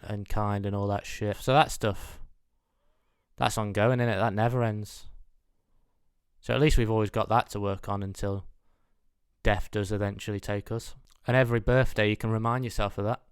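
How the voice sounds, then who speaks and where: A mid-twenties British comedian hosting his own show rambles through a comic monologue with a dry, faux-earnest tone. His voice sits on the low side, clear and resonant, recorded in a clean studio without echo.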